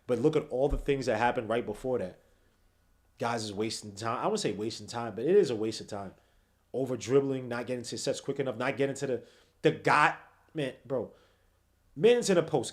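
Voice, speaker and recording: A man hosting a late-night basketball podcast, tired and yawning, rambling and swinging from low mutters to loud outbursts. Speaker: podcast host.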